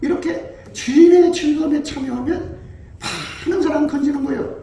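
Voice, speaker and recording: High-voiced Korean pastor preaching in echoey hall. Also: male voice, moderate pace. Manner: animated preaching with laughs and quoted dialogue. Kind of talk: sermon. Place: church hall. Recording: echoey hall from far off with faint noise.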